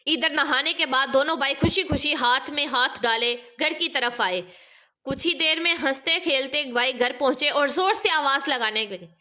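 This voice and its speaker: A woman's voice: high-pitched, pushed and bright. A woman narrating a religious story in an emotive, dramatic way.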